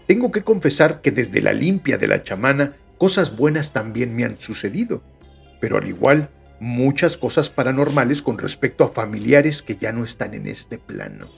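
A man's voice: medium pitch, sing-song, normal speed, gravelly, husky, soft background music. A man with a Mexican Spanish accent, hosting a podcast, reading listener stories aloud with chatty joking asides. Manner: chatty, joking asides between read passages. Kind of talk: casual storytelling reading.

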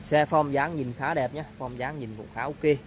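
A man presents a used car in an informal sales walkaround. His voice is medium in pitch, and he speaks haltingly, repeating words as he goes. He is recorded outdoors from behind a handheld camera, with slight street noise around him. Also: steady tone.

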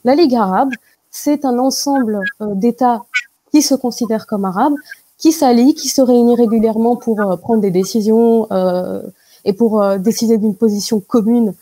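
A young woman answering interview questions over a video call, explaining carefully with many pauses and fillers. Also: a little high, mellow, low-quality recording. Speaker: guest. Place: indoor room at home. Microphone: video call with wired earphone mic.

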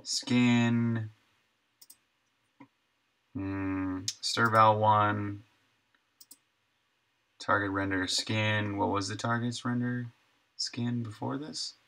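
Speaking very slowly with long pauses, a middle-aged man lets his thoughts out in short, relaxed fragments as he streams himself coding at a desk indoors. He's a game developer and live streamer whose voice sits on the low side, steady yet sharp in tone.

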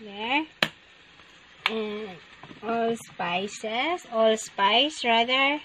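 A woman's voice: on the high side, extremely slow, background noise. A woman with a Filipino accent, chatting casually to viewers while cooking in her home kitchen, filmed on a handheld phone. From Philippines. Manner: chatty, addresses viewers as guys, frequent wow and yummy. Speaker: cooking vlogger. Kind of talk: casual cooking vlog narration. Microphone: handheld phone camera.

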